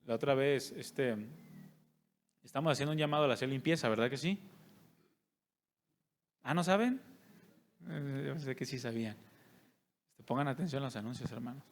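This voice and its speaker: A man's voice: medium pitch, moderate pace, long pauses. A male pastor, preaching a sermon and putting rhetorical questions to his congregation. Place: church service.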